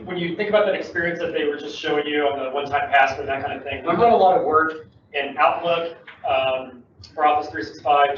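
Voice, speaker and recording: Guy talking shop at a meetup, kinda high voice, dull lo-fi sound. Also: fairly bright tone, slight background noise. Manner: chatty, upbeat, jokey. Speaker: Microsoft security presenter. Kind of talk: casual meetup talk. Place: meeting room. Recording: echoey room from far, dull mic.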